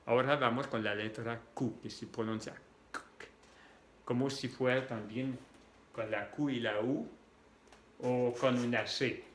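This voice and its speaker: Male French tutor, native French speaker, slow and patient, mid-range voice, faint hiss behind. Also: medium pitch, steady tone. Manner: slow, patient, repeats words and sounds aloud. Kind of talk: explaining pronunciation for beginners.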